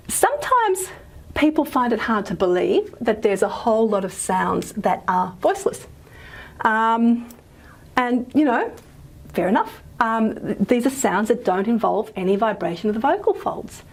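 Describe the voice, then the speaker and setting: A woman's voice: a little high, lively intonation, a little slow. Woman teaching a phonetics class, lots of ums and okays, sounds out the consonants while she writes on the board. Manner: casual, many ums, checks in with "okay?". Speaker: phonetics lecturer. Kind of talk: recorded lecture at a whiteboard.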